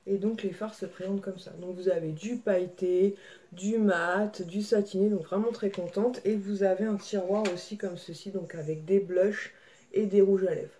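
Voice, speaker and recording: A woman's voice: medium pitch, steady tone, normal speed, dark tone. A woman, chatting casually in a haul vlog at home, with many fillers and a scratchy throat. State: slight throat irritation. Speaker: vlogger.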